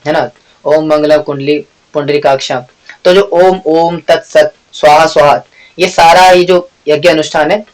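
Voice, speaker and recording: A young man teaching a devotional scripture class in a chatty storytelling way, mixing in English words, often clearing his throat and chanting mantras in a sing-song. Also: fairly high pitch, poor audio. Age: young adult.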